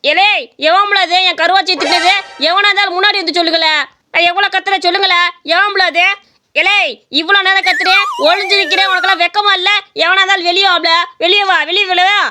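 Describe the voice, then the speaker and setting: Cartoon village uncle, loud and bossy, very high bright fast voice, a woman acting him. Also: steady tone. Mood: blustering. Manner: blustering, shouting challenges. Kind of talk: Tamil cartoon story voice acting.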